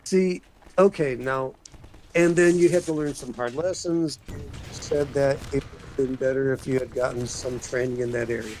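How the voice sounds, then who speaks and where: A man's voice: medium pitch, steady tone, normal speed, a little mellow, a little hiss or hum, poor audio. A man hosting a casual spiritual chat, rambling with many restarts and trailing off.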